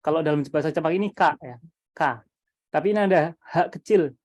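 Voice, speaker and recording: A man's voice: a little high, a little fast, darkish tone. A man presenting his Quran reading method to teachers over a video call, thinking aloud with many fillers and restarts.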